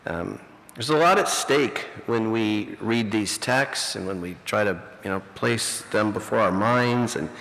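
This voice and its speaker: Middle-aged pastor on a fuzzy distorted recording. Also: male voice, on the low side, a little slow, a bit bright. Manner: reflective, rambling, heavy on "you know". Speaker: pastor and teacher. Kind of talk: conversational sermon. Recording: distorted, reverberant hall recording.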